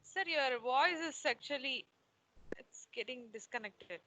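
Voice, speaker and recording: A woman with an Indian accent moderates an online call. Her voice is high and bright. She answers in a polite, deferential yes-sir manner as she troubleshoots. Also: unhurried, rough recording. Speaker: webinar moderator. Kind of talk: live webinar troubleshooting and moderating.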